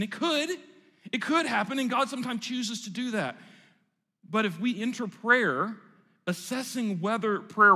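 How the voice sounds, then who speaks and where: A man's voice: sits high, bright, forceful tone, long reverb tail. A male pastor giving a sermon in a church, conversational and self-deprecating. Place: church sanctuary.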